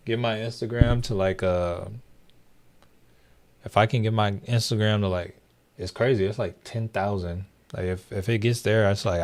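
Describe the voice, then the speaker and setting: A young man with a fairly low, slightly mellow voice hosts a livestream. He chats casually with viewers, rambling and filling his speech with fillers and restarts.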